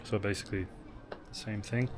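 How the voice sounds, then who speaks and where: A man's voice: lowish voice, fairly even intonation, moderate pace. A man narrating a travel vlog after a long mountain hike, tired but upbeat. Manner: tired, upbeat commentary while hiking. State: exhausted. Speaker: travel vlogger. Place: outdoors on a mountain trail and guesthouse.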